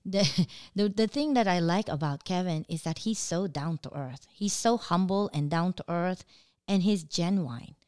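A woman's voice: on the low side, expressive, normal speed, a little mellow, clean tone, dry recording. Woman, casual chat, agreeable, chimes in often, dry close sound. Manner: agreeable, chiming in to finish the other speaker's thoughts.

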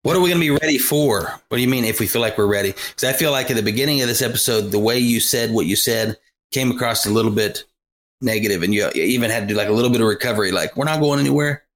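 A man's voice: lowish voice, racing, fairly bright tone. A man co-hosting a gaming podcast in casual chat, opinionated and joking. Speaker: podcast co-host.

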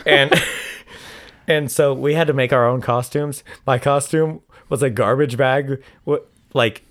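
A man's voice: mid-range voice, fairly even intonation, unhurried. A man co-hosting a podcast, telling a story in a rambling, joking way and swearing freely. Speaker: podcast co-host. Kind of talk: casual podcast chat.

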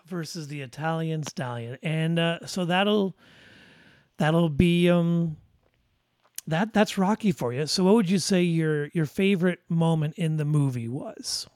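A man's voice: a little high, unhurried, darkish tone, no room sound, clean studio sound. A man hosting a casual movie chat, talking in a rambling way with lots of fillers and restarts. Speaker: podcast host.

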